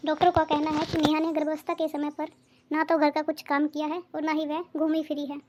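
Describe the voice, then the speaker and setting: A woman doing a soft-spoken cartoon husband. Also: high-pitched, noisy background, pitched below the performer's own voice, lightly acted. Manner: soft, reassuring. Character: young man, gentle supportive husband. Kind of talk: cartoon voice acting.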